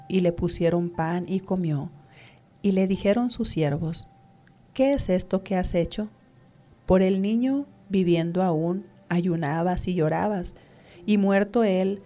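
A woman reading scripture aloud in a measured, even way. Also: lowish voice, soft background music. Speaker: scripture reader.

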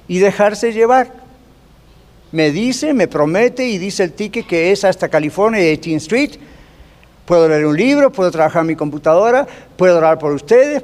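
Middle-aged male pastor, high voice, storytelling sermon, some english phrases thrown in. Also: darkish tone. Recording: long reverb from a hall.

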